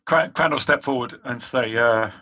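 A man's voice: medium pitch, normal speed, pushed and bright, lo-fi sound. A man taking part in a tabletop role-playing game, speaking for his character.

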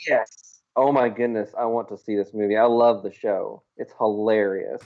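A man's voice: lowish voice, steady tone, moderate pace. A man co-hosting a podcast in casual chat, recorded with slightly lo-fi sound. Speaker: podcast co-host. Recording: slightly dull lo-fi audio.

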